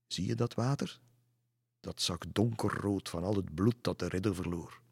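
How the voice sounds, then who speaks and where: A man's voice: deep voice, moderate pace, vocal fry, husky, dry recording, studio quality, exaggerated voice. A man voicing a cheeky boy who teasingly tells ghost stories about a castle in a storybook reading. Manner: teasing, knowing.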